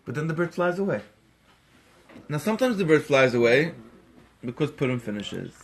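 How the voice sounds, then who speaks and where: A man teaching a Torah lesson through an animated story and acting out its characters. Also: fairly high pitch, normal speed. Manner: animated, acts out the characters, rises to emphatic peaks.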